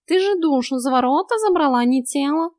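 A woman's voice: high voice, lively intonation, brisk, a little mellow, no echo, studio quality, voice pushed up. A woman voicing a grumbling, sarcastic male talking cat in an audiobook. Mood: snarky. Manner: sarcastic, scolding.

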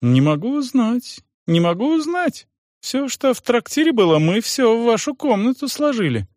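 A man's voice: very high-pitched, big pitch swings, moderate pace, darkish tone, no room sound, studio quality, voice pushed up. A man voicing a sly, fawning innkeeper who talks in an oily, evasive way. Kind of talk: audiobook character voice.

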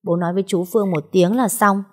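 A sulky, spoiled woman near thirty in an audio story, answering back with sharp resentment. The voice is husky and set a little higher than the reader's low everyday tone. A woman narrator voices her. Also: fairly even intonation, fast talker, soft background music, natural voice. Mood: resentful.

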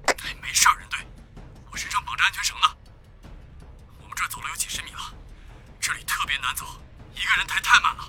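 A man's voice: fairly high pitch, quick pace, long pauses, over music, voice pushed up. A male narrator voicing a firefighter who calls up from a sewer over a walkie-talkie radio, urgent and half-whispered. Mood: urgent, hushed. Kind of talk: storybook narration with acted voices.

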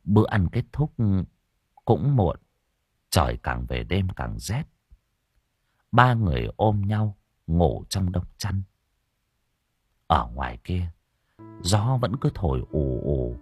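A man narrates an audiobook, his pitch rising and falling widely as he tells the story dramatically. His voice is slightly husky and sounds dry and close. Soft music plays faintly underneath. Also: sing-song, takes it slowly, long pauses, dry recording.

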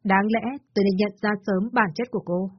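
A woman's voice: mid-range voice, steady tone, a little fast, husky, natural voice. Woman voicing an angry threatening husband. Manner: harsh, shouting threats. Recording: dull lo-fi dry recording.

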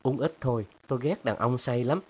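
A man voicing a lively, teasing young woman who scolds playfully in a storybook reading. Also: mid-range voice, a little fast, a little hiss or hum, voice pushed up, lightly acted.

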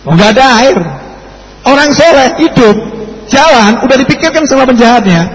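A man with a Javanese accent preaching a sermon, telling a story in a lively way. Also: extremely high pitch, moderate pace. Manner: lively, switches into local dialect. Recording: echoey hall, faint background noise.

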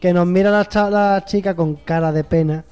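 A man from co-hosting a podcast, telling a story in a relaxed, chatty way and quoting what people said. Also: high voice, normal speed, smooth, faint music behind. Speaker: podcast co-host. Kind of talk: casual chat, storytelling.

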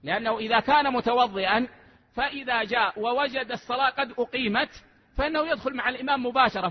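A man teaching a religious lesson as a sheikh, measured and repeating key phrases for emphasis, with a husky voice. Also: extremely high pitch. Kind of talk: religious lesson explaining a text. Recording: echoey hall, dull lo-fi sound.

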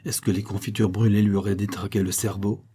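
Earnest shy young woman, read by a man, husky, storybook reading. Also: medium pitch, normal speed, mellow. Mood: puzzled.

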